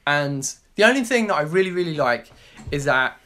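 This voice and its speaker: A man's voice: a little high, lively intonation, normal speed, a bit bright. A man in a casual, heated film debate with friends, blunt, opinionated and sweary, sounding hungover.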